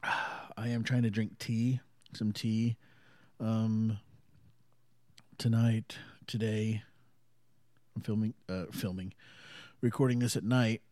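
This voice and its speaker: Low, mellow-voiced man hosting a casual podcast. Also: little pitch movement, slow, long pauses, no echo. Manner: rambling, loose and profane, many fillers. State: congested from allergies, slightly thick voice. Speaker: podcast host. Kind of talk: casual solo podcast monologue. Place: small home studio.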